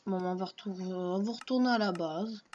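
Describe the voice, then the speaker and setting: A woman's voice: on the low side, moderate pace, darkish tone. A woman giving casual, offhand commentary while playing a game, muttering her moves to herself. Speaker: let's play gamer. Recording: dull lo-fi home mic with faint noise.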